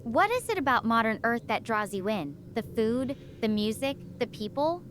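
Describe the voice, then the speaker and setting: In a slightly high, sing-song voice that's fairly bright, a synthetic woman portrays a marooned young astrophysics researcher. She's curious and talkative, firing off many questions at a moderate pace, and there's a faint hiss or hum.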